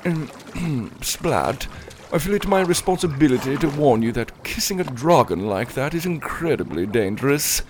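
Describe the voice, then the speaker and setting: A man's voice: mid-range voice, animated, normal speed, slight background noise, lightly acted. Fussy worried beaver babysitter, proper and prim, bouncy voice, played by a man.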